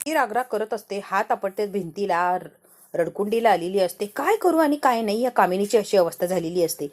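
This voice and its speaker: A woman narrating a dramatic recap of a television serial in an expressive, emphatic storytelling manner. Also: medium pitch, brisk.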